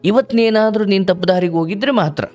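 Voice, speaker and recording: Hosting a live call-in counseling show, a man offers a caller warm, fatherly spiritual advice in a preaching style, sometimes acting out what people say. His voice is high-pitched and quick, with faint music in the background.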